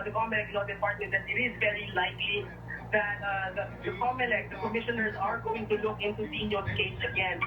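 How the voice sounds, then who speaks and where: A woman reporting live from a press scrum, speaking haltingly and unscripted as she searches for words. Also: medium pitch. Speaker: field news reporter. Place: crowded office building hallway indoors. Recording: noisy, distant live location feed. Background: commotion of a media scrum.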